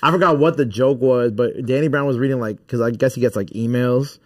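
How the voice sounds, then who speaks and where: A man hosting a casual sit-down interview talks quickly in a loose, chatty way. His mid-pitched voice sounds close and dry, with no room echo. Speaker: interview host.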